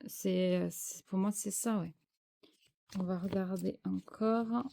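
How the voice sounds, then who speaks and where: A woman's voice: medium pitch, fairly even intonation, takes it slowly, vocal fry, dark tone. A French-speaking woman giving a spiritual tarot reading, hesitant and searching for words with many fillers. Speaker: tarot card reader.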